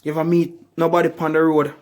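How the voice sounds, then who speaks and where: A man giving a motivational speech, with emphatic, repetitive rhetorical questions and slow, drawn-out stresses on key phrases. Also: on the high side, monotone, darkish tone. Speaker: motivational speaker.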